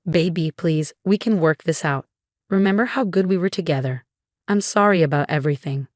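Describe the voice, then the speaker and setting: A woman voicing a desperate, arrogant ex-husband, pleading and blustering in a low, dry voice. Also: brisk, no echo, lightly acted. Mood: bitter pleading.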